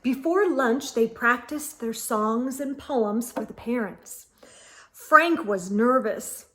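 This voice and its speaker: A woman hosting a storytime reads a children's book aloud, expressive and deliberate in her storytelling. Her voice sits on the high side.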